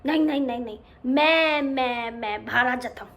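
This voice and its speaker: A woman's voice: very high voice, expressive, unhurried, fairly bright tone, muffled recording, pitched above the performer's own voice, exaggerated voice. A woman voicing a boastful, whiny little male lion cub in a children's story. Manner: bragging, then sobbing and sulky.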